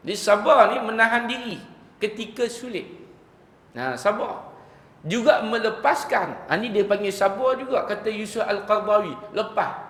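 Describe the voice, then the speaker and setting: A male preacher with a Malaysian accent delivers a religious lecture in a fairly high voice, posing rhetorical questions and chanting Arabic verses. The sound is roomy and reverberant, with a long hall echo trailing each phrase. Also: animated, moderate pace. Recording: reverberant hall over loudspeakers.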